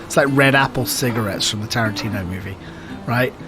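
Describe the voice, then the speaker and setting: A man's voice: mid-range voice, brisk, loud music behind the voice. A man co-hosting a podcast, chatting casually and reading a screenplay aloud, joking and laughing often. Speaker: podcast co-host.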